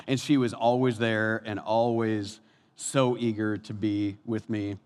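A man in his fifties preaching a sermon, animated, his voice swinging from soft and low to loud and high. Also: measured pace, clear, resonant tone. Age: 50s. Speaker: pastor. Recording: long hall reverb.

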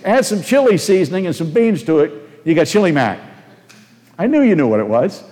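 An older pastor preaches a folksy, anecdotal sermon in a church sanctuary, sharing personal stories and asking the congregation questions. His voice is fairly high, warm, brisk and very animated, and the recording has a long hall reverb.

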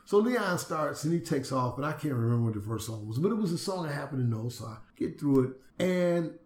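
A man, a jazz bass player, telling stories and acting out the voices of the people in them, laughing now and then. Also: lively intonation, brisk, darkish tone. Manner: acts out the voices of people he quotes, laughs often. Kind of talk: anecdotal storytelling. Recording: roomy echo.

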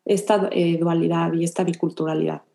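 A woman's voice: on the low side, level tone, fairly quick, creaky, warm tone. A woman hosting a podcast who introduces her guest and asks questions in a friendly, enthusiastic way. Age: adult mother. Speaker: podcast host. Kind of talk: casual interview.

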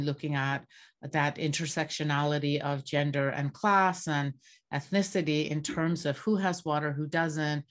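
A woman from Bangladesh, a geography professor, answering interview questions in a measured, academic way. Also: sits low.

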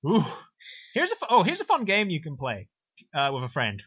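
A young man casually recapping a film on a podcast, sarcastic and animated, slipping into silly voices. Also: a little high, normal speed, breathy edge, no echo. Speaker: podcast co-host. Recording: dull lo-fi dry recording.

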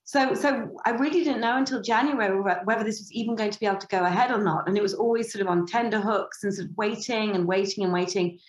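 A woman's voice: mid-range voice, quick pace, few pauses. Rambling woman producer in an echoey room. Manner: rambling, frequent fillers and restarts. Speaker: theatre producer and director. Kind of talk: casual interview chat.

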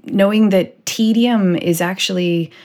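A woman's voice: medium pitch, fairly even intonation, measured pace, a little mellow. A woman hosting a casual podcast conversation, rambling with lots of "like" and "you know". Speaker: podcast host.

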